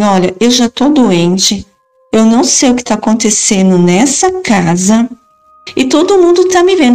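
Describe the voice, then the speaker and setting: A woman's voice: fairly high pitch, darkish tone. A middle-aged woman recounting strange events at her house in a first-person spoken account, acting out the dialogue as she tells it. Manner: earnest, retells dialogue in quotes. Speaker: storyteller recounting a haunted house.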